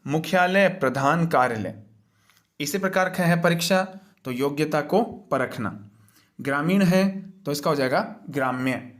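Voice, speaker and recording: A man's voice: a little high, unhurried, fairly bright tone. A man teaching as he walks through a worksheet's answers, explaining each one patiently and step by step in a repetitive way.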